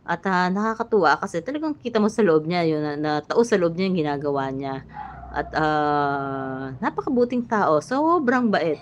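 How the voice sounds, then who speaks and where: A woman's voice: fairly low pitch, lively intonation, normal speed, lo-fi sound, slight background noise. A Filipino woman talking casually on a live vlog, short of breath and strained after thyroid surgery, chatty with many fillers. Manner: chatty, frequent fillers and restarts. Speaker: vlogger.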